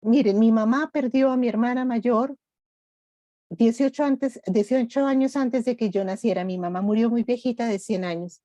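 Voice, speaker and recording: A middle-aged woman speaking gently and reflectively in an online grief workshop. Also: a little high, moderate pace, no echo. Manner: gentle, reflective, personal examples.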